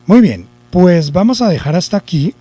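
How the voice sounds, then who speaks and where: A male teacher giving a spelling lesson to children, deliberate, repeating the rules and asking himself questions. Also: sits high, animated, dark tone, breathy edge, no echo.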